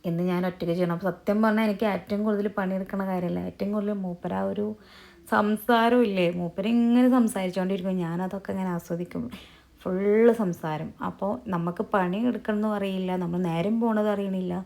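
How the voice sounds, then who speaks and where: A woman narrating her cooking vlog in a soft, low-volume voice-over, chatty and rambling, often correcting herself. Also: fairly even intonation, fairly quick. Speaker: cooking vlogger. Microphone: recorded in a closed room.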